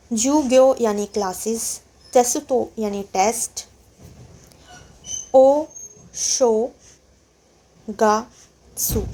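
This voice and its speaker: Woman teacher going through vocab real slow, mellow voice, repeats every word. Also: fairly high pitch. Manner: repeats words slowly and explains them patiently. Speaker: language teacher. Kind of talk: slow, careful vocabulary lesson.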